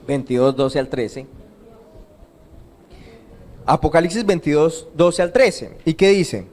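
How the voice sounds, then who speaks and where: A man's voice: a little high, expressive, slow pace, a little mellow, slight background noise. A man preaching a sermon in church, constantly asking the congregation questions and answering them himself. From Colombia. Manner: call-and-response questioning of the congregation. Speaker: pastor. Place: church service.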